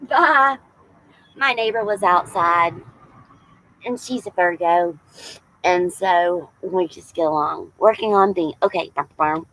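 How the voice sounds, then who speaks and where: A woman's voice: lowish voice, slow, fairly bright tone, rough recording. Woman, forties, tarot livestream host, casual and affectionate, says y'all, faint background noise. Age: 40s. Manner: chatty and affectionate, addresses viewers as y'all.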